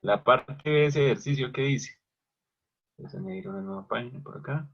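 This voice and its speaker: Husky man teaching a technical class. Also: mid-range voice, fairly quick, fairly bright tone. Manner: asks the class questions and answers them himself. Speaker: electrical machines teacher. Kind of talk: online lecture at a whiteboard. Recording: dull lo-fi recording.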